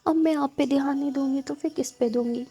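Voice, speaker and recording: A woman reading the part of a playful lawyer wife, light and teasing in a storybook love tale. The voice sits high and sounds mellow and soft-toned. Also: fairly even intonation, fast talker.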